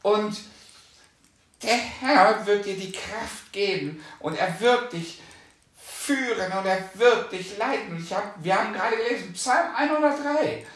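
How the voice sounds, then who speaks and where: Fervent high-voiced man preaching. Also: lively intonation, measured pace, fairly bright tone, echoey room. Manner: fervent, frequent hallelujahs. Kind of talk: sermon with bible reading.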